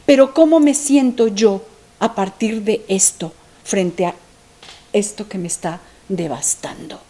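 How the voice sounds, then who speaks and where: A woman giving a reflective lecture on grief, asking herself questions and dropping at times to a soft near-whisper. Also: mid-range voice, measured pace, a little hiss or hum. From Mexico. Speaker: thanatology lecturer.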